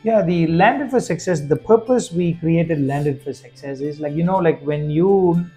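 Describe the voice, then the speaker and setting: Earnest male interview guest, slightly high, warm voice, many fillers. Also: unhurried, faint music behind, rough recording. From Sri Lanka. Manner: earnest, with frequent fillers and restarts. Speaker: guest, festival director and business owner. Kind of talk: conversational interview.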